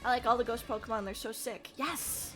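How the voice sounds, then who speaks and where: A woman livestreamer chatting casually with her viewers in a playful, excitable gamer-girl manner. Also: fairly high pitch, brisk, faint music behind. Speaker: livestreamer, host.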